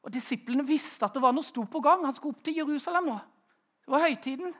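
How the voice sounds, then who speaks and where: A man preaching a sermon in a storytelling way, swinging between loud raised phrases and soft, hushed ones. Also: very high-pitched.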